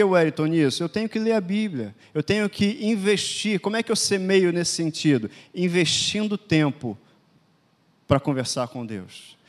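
High-voiced Brazilian preacher man. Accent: Brazilian Portuguese. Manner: emphatic, repetitive declarations that swell louder. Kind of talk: sermon.

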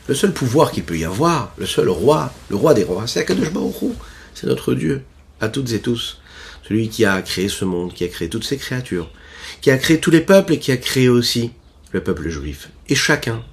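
A rabbi teaching a Torah lesson, telling a parable with pauses and restarts. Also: male voice, low-pitched.

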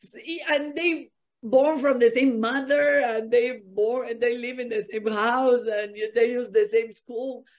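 This Argentine woman, a native Spanish speaker, is a podcast guest answering in earnest, accented English. She sounds rather high-pitched, keeps a fairly level intonation, and takes her time.

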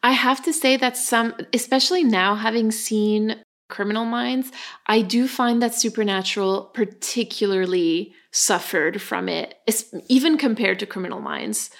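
A woman's voice: fairly high pitch, normal speed, creaky. A woman co-hosting a podcast in casual chat, chatty and laughing often. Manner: chatty, laughs often, animated when joking. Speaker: podcast co-host.

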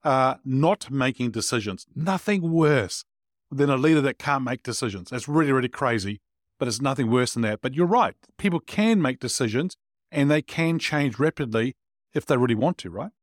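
A man's voice: mid-range voice, lively intonation, moderate pace, no echo, studio quality. A man hosting a podcast interview, enthusiastic and affirming toward his guest. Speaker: podcast host.

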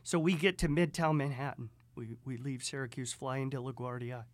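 A man from upstate New York, a podcast guest telling a story with lively acted-out dialogue. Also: mid-range voice, brisk, no room sound. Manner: animated, acts out both sides of dialogue. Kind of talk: storytelling in conversation.

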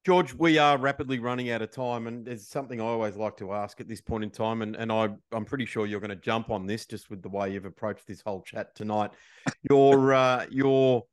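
A man's voice: lowish voice, steady tone, fast, hardly any pauses. An Australian man hosting a podcast and putting questions to a guest in casual chat. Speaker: podcast host.

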